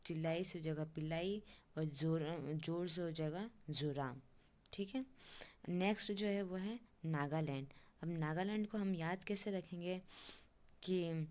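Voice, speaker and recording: Young woman tutor, lowish voice, repeats everything and keeps checking in with "theek hai". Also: darkish tone. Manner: repetitive, keeps asking "ठीक है?" and checking on the listener. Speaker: teacher. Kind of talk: exam-prep memory tricks lesson.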